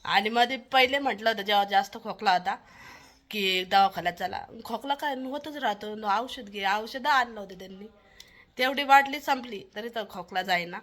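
Young village-woman venting at her phone, bright sharp voice, complaining. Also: medium pitch, normal speed. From Maharashtra. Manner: aggrieved, complaining, quotes others at length. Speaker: family vlogger. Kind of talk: venting to camera.

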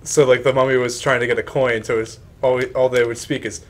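A man's voice: mid-range voice, flat delivery, a little fast. A man hosting a casual let's-play, chatting playfully and slipping into sing-song sound effects. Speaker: gaming video host.

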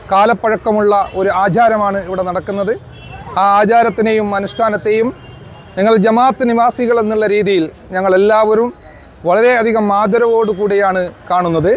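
A man giving a formal interview statement as a community representative, recorded outdoors. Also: high voice. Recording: outdoor interview with background noise.

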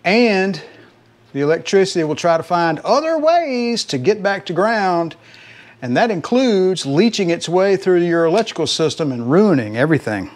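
A man's voice: high-pitched, sing-song, normal speed. A middle-aged man with a Southern US accent who hosts a garage channel. He narrates casually as he works on a car, rambling and talking to the viewers as folks. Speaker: home mechanic host. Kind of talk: casual how-to narration while working. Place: home garage, working under a car.

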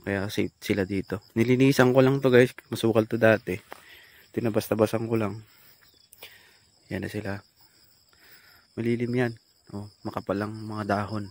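Outdoors on his farm among the trees, a farmer vlogger chats casually with viewers and calls out to his carabao, with insects and animals in the background. His voice is on the low side and somewhat dark, with fairly even intonation, a moderate pace and frequent pauses.

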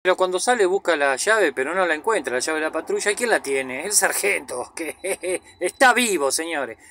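A man's voice: a little high, lively intonation, moderate pace, pushed and bright, a little hiss or hum. A man casually recapping a movie in a loose, slangy way. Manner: chatty, loose retelling with slang asides and fillers. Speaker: film commentator.

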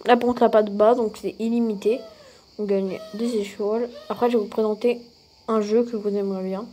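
A woman casually talking through a mobile game she is playing, often breaking into excited exclamations. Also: medium pitch, brisk, a little hiss or hum. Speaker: mobile game channel host. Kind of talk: casual gameplay commentary.

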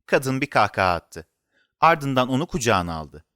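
Animated male storyteller. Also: mid-range voice, moderate pace, no room sound, clean studio sound. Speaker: narrator. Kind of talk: scripted children's story narration.

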